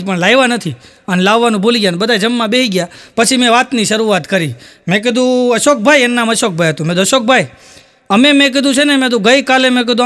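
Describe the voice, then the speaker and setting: A man's voice: sits high, a bit bright. A man telling folk jokes, rambling through stories and acting out each quoted voice. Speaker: stand-up comedian. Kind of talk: Gujarati folk comedy storytelling.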